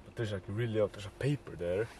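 A young man in his late teens vlogs casually to a camera set a short distance away, talking fast in a fairly low voice. He's in a small wooden shed attic at night, and the distant camera mic makes the recording noisy.

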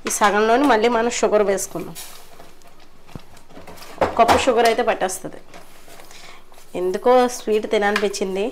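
A woman's voice: medium pitch, steady tone, moderate pace, long pauses, noisy background. A woman casually narrating a home cooking vlog, chatting politely to her viewers as she cooks. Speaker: cooking vlogger. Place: home kitchen.

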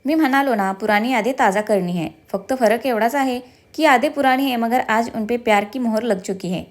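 A woman's voice: fairly high pitch, moderate pace, lightly acted. A woman voicing a playful, teasing young husband in a told story, joking with his wife.

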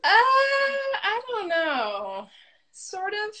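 High-voiced woman guest on a phone chat. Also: huge pitch swings, very slow, sharp tone. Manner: friendly, laughs often, a little hesitant. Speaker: illustrator and guest. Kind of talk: casual live-stream chat. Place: home room, indoors. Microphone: phone camera at arm's length.

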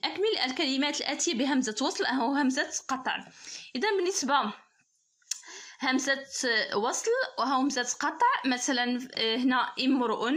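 A woman's voice: high-pitched, fairly bright tone. A woman teacher with a Moroccan Arabic accent who works through a grammar test for pupils, laying out each rule patiently and step by step. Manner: patient, explains rules step by step.

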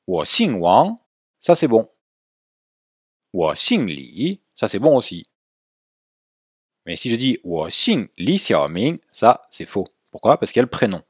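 A man teaching a language lesson, explaining clearly and slowing right down to model words for students to repeat. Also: mid-range voice, dry recording, studio quality. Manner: clear didactic explaining, slow drawn-out model pronunciations for repetition.

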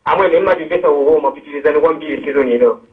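A man's voice: a little high, very fast. A man calling in to a show and chatting casually over the phone. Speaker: phone-in caller. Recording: tinny narrow phone line.

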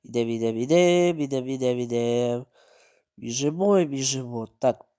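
A man giving running gameplay commentary, narrating his own moves, repeating words and breaking into sudden excited outbursts. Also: medium pitch, normal speed, smooth. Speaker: mobile game streamer.

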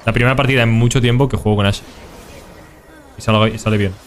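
A man's voice: lowish voice, fairly even intonation, fast, slight background noise. A young man with a Spain Spanish accent, commenting casually on his gameplay and chatting with viewers in slang. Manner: casual and slangy, talks to chat. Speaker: streamer.

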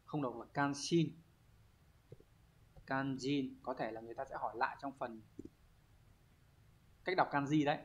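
A man teaching an online Japanese vocabulary lesson. He reads example sentences aloud, explains each word, and keeps asking his students quick check questions. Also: mid-range voice, a little hiss or hum. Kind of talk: online exam walkthrough lesson.

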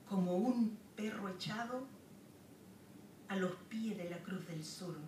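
Heard from a distance through a camera across a wood-paneled lecture room, a Chilean poet from the south reads verse from a podium, with echo and hiss in the background. She speaks very slowly and carefully, pausing after each line and offering asides, in a medium-pitched voice with a dark tone.

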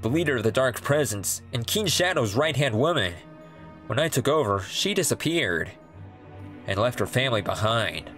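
A man plays a hedgehog king from a cartoon dub. He talks casually with lively, varied pitch, an easygoing hero who reassures. Faint music sits behind him. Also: moderate pace, natural voice. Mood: informative. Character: easygoing hedgehog king, adult male hero, fond husband. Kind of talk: comic dub voice acting.

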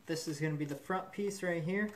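Recorded off-frame by a camera mic above the bench, a man casually demonstrates a build in a metal fabrication shop, thinking aloud with plenty of fillers. He sounds a little high and fairly quick. There's a little hiss or hum.

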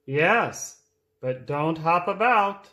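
A man voicing a calm, firm boat owner who speaks slowly and sets gentle rules. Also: fairly high pitch, echoey room, heavily acted. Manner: slow, measured, setting gentle rules.

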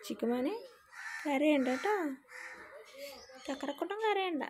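A woman's voice: high-pitched, lively intonation, unhurried, background noise. A woman talking soothing baby talk to her crying puppy, coaxing and repeating herself. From Kerala, India. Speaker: dog owner vlogger.

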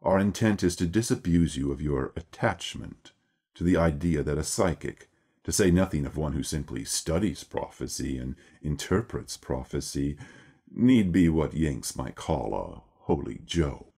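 A man voicing Lucifer, a lofty male devil figure, through an electronic filter that makes his voice deep, speaking in a formal, measured, wry lecturing tone. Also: expressive, gravelly, dark tone, slightly rough, heavily acted. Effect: electronically altered deep voice. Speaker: video producer. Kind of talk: scripted monologue.

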